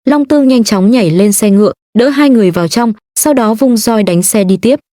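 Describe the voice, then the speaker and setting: A woman's voice: on the high side, a little fast, warm tone, no room sound. Woman narrating a story, dry close sound. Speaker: audiobook narrator.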